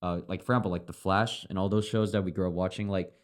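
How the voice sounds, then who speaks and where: A filmmaker from China whose first language is Chinese rambles casually as a podcast guest, using lots of fillers and casual swearing. His voice is low-pitched with fairly even intonation, and he talks at a quick pace.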